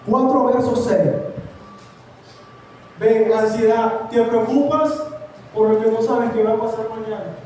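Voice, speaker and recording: Emphatic preacher in an echoey hall. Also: male voice, very high-pitched, steady tone, measured pace, long pauses, mellow, a little hiss or hum. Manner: emphatic, asks the congregation many questions. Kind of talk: sermon. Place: church hall. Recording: echoey church hall, distant mic.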